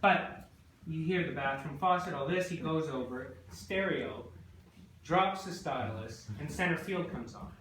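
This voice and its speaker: A man's voice: a little high, unhurried. A man in his forties telling a rambling, digressive comic story with many asides to a live audience. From British Columbia, Canada. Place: hall before an audience. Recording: echoey hall, distant mic, loud noise.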